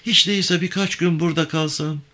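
A man's voice: fairly high pitch, fairly even intonation, brisk, bright, forceful tone, voice pushed up. A man reading aloud voices a distraught, guilt-ridden young woman who pleads while crying, in a raised, tearful voice. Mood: tearful pleading.

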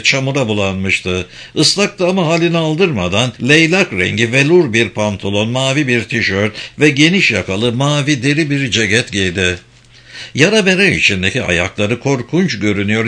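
Brief: male audiobook narrator, bright clear tone, mid pitch, measured reading. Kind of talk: scripted narration.

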